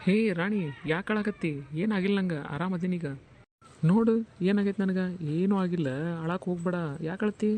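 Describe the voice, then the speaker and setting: A woman voicing a gentle, shy young village man with a North Karnataka accent, speaking softly and reassuringly in a cartoon. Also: medium pitch, steady tone, moderate pace, slight background noise, pitched below the performer's own voice, lightly acted. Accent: North Karnataka Kannada.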